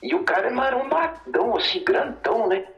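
A man's voice: very high voice, lively intonation, brisk, a bit bright. A man rambles through a story over the phone, heavy with fillers. His voice comes down a muffled, lo-fi line with a hollow, echoey ring, and faint music sits behind him. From Minas Gerais, Brazil. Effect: heard over the phone. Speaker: caller. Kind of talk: casual storytelling.

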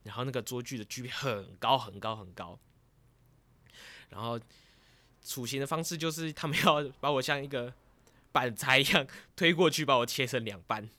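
A man's voice: medium pitch, normal speed, no echo. Man casually retelling a dream. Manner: rambling and lively, grows excited as the story goes on. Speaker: vlogger.

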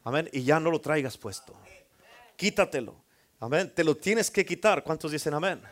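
A man's voice: on the high side, animated, normal speed. A middle-aged male pastor, preaching a sermon and calling on the congregation for amens. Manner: call-and-response preaching, asks congregation for amens.

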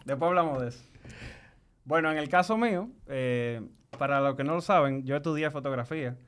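A man's voice: fairly high pitch, brisk, clean tone. A man with a Dominican Spanish accent chatting casually, very slangy, telling stories by acting out what people say. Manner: slangy, animated storytelling with acted-out quotes. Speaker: guest, videographer. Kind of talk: casual chat.

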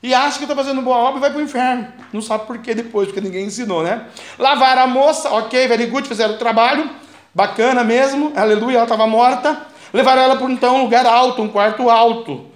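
A preacher, delivering a fervent, repetitive sermon that builds to shouts. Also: male voice, very high-pitched, brisk, echoey room. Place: church.

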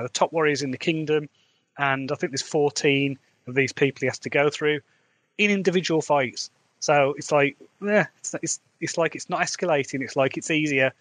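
Rambling and chatty, an English author with a Midlands accent talks candidly on his own solo podcast. He sounds a little high and a bit bright.

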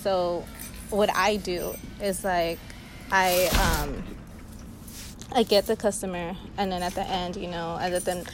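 A woman's voice: fairly low pitch, steady tone, measured pace, noisy background. A young woman recounting film scenes in casual chat for a class discussion, chatty with lots of fillers. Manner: chatty, many fillers, laughs easily.

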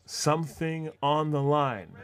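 A man's voice: on the high side, lively intonation, takes it slowly, clear, resonant tone. A man working as a wrestling commentator, calling live play-by-play in short, clipped phrases. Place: large arena event with live audience.

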